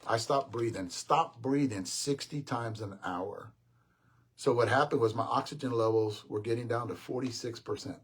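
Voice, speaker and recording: A man's voice: mid-range voice, normal speed, husky. An older man hosting a casual live stream, telling a long rambling story with restarts and talking to his viewers as guys. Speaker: host.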